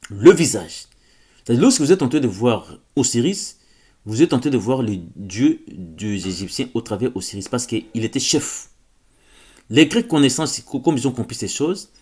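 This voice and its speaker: A man's voice: medium pitch, a little mellow, husky. Hesitant man lecturing, many repeated words. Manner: hesitant, repeats words, often asks "vous voyez?"; insistent, stresses key words. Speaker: religious lecturer. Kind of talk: informal spoken lecture on word origins.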